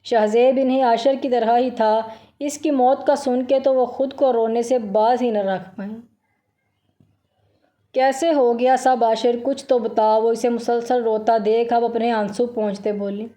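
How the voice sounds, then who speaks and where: A woman narrates a novel in a steady, emotional storytelling voice. Her tone is mellow and warm, sitting a little high. The delivery stays even and scripted.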